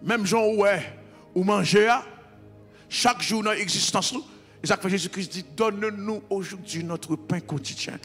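A man with a Haitian accent preaching a sermon as pastor, mixing Creole into French and calling on the congregation to repeat after him until he is shouting. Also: sits high, normal speed, big-room sound, faint music behind. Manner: mixes Creole into French, call-and-response, builds to shouting.

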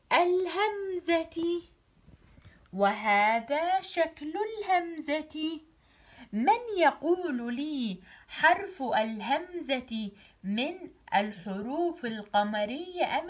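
A woman teacher giving a children's phonics lesson, drawing out letter sounds and repeating them for drilling, with warm praise. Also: high-pitched, slightly rough. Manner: praising, encouraging.

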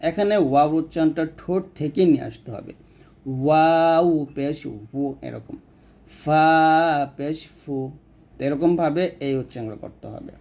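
A man teaching Quran pronunciation step by step, stretching out the practice syllables slowly between his explanations. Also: on the high side, dark tone.

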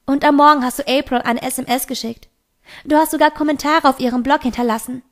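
A woman's voice: high voice, steady tone, quick pace, voice pushed up, natural voice. Woman voicing a desperate pleading teen girl. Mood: pleading, urgent. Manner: raised, urgent, begging.

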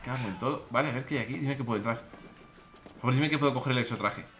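A man with a Spain Spanish accent doing let's play commentary as a gaming YouTuber, excitable and exclamatory, often repeating his words. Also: mid-range voice, very fast.

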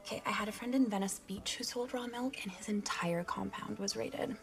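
An actress playing a breezy, scatterbrained young adult daughter with a drawn-out way of talking in a sitcom. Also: female voice, medium pitch, gravelly, soft background music, lightly acted. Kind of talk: sitcom acting.

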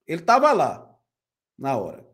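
A man's voice: a little high, wildly swooping pitch, a little slow, a bit bright. A man hosting a video channel, reacting with incredulous, mocking commentary. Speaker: channel host.

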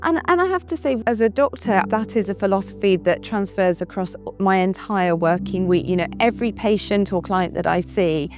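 A woman's voice: mid-range voice, lively intonation, moderate pace, few pauses. Reassuring woman doctor in her forties. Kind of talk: interview. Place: bright office with large windows. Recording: soft music underneath.

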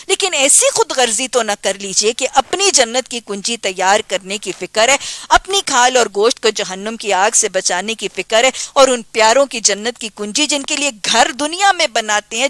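A woman's voice: fairly high pitch, fairly bright tone, dry recording. A middle-aged woman with a Pakistani Urdu accent giving a religious lecture as a Quran teacher. She speaks earnestly and exhorts, repeating phrases for emphasis.

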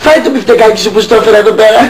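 Voicing a tired, fussy middle-aged mother for a comedy sketch, a man scolds with clear exasperation. His pitch sits high but stays close to an everyday voice, over background music.

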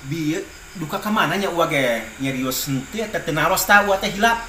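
A pious older uncle who lectures and gives blessings, as a man puts him on for a puppet comedy. The voice is bright and a touch high. The room sounds echoey, with a faint hum of ambience. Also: animated, a little fast. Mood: lecturing. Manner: moralizing, gives blessings and advice. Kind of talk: Sundanese puppet-show comedy.

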